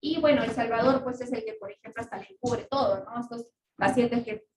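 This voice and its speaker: A fairly high-voiced woman lectures on psychiatry in a patient, explanatory way, often tagging lines with a quick check to her listeners. The voice sits back from the mic in a roomy space, with a faint hiss underneath. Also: recorded from a distance. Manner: explanatory, with frequent checking tag questions. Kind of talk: recorded class lecture.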